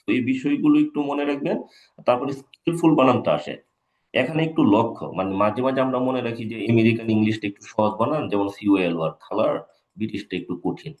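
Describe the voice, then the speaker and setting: A man's voice: medium pitch, fast talker, a little mellow. A man, an English teacher, giving a live exam-prep lecture, repeating key points and checking in with his students. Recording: echoey room.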